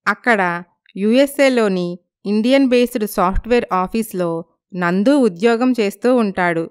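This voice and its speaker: A woman narrating a moral story, moving briskly through the plot. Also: medium pitch, clear, resonant tone. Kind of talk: storytelling narration with character voices.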